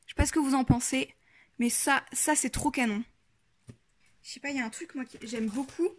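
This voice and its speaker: A woman's voice: high-pitched, brisk, a little hiss or hum. A woman hosting a crafting vlog, chatting casually and hesitating often with fillers.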